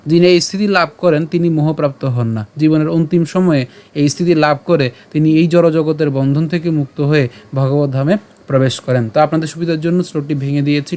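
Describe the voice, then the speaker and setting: A man with a Bengali accent leads a slow recitation lesson, sounding out each word syllable by syllable and repeating it with patience. His voice sits a little higher than most men's. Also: a little mellow. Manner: patient, repeats each word slowly and asks rhetorical questions. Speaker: teacher of scripture recitation.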